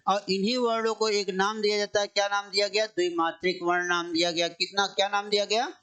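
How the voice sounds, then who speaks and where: High, smooth-voiced male Hindi teacher. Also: little pitch movement, bright, forceful tone. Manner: asks the class questions and answers them himself; repeats key phrases, drawing words out slowly. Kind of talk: exam-coaching grammar lesson.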